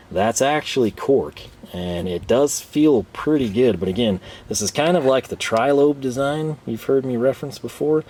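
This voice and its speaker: With a lowish, darkish voice and slight background noise, a man reviews a product off the cuff for his tool review channel. He rambles and pokes fun at himself, and his tired voice is beginning to fail.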